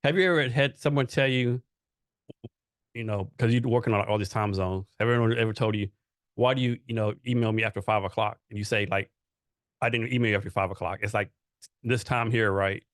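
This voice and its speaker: A man's voice: lowish voice, steady tone, fairly quick, dry recording. Rambling male podcast host, dry sound. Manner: loose, rambling questions with frequent "right?" and "like". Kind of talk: casual interview chat.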